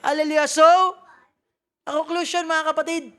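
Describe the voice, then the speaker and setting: Filipino woman preacher with a high voice, lively and joking, reading scripture in English. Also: normal speed. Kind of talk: sermon.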